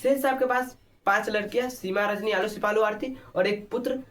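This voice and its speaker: Hindi teacher drilling answers aloud. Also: male voice, high voice, steady tone, brisk, fairly bright tone. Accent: Bihari Hindi. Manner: repeats answers, quizzes listeners. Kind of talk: exam-prep lesson.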